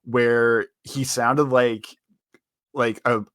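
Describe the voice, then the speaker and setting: A man's voice: medium pitch, extremely slow, clean tone, dry recording, clean studio sound. Rambling man telling a story. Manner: rambling, full of "like" fillers, animated retelling. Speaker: podcast co-host. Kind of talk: casual podcast chat, telling a story.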